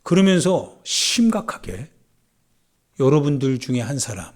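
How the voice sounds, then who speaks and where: A male pastor delivering a Sunday sermon in an animated, conversational way, at times dropping to a soft near-whisper. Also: medium pitch, measured pace. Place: church sanctuary.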